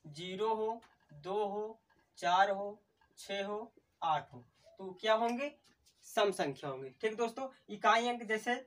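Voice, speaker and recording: A man's voice: high voice, fairly bright tone, recorded from a distance. A man teaching math as in a classroom, asking questions and answering them himself, repeating key terms and calling his viewers friends. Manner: addresses viewers as friends again and again. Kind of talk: classroom-style lesson at a board.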